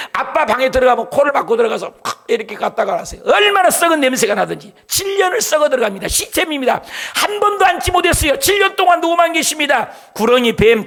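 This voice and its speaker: Brief: middle-aged pastor, very high voice with gravel, impassioned preaching that rises to shouts. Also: male voice. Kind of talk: sermon.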